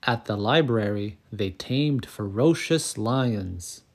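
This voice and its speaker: A man narrating a children's picture book aloud, calm and clear, as the channel's storyteller. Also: lowish voice, slow pace.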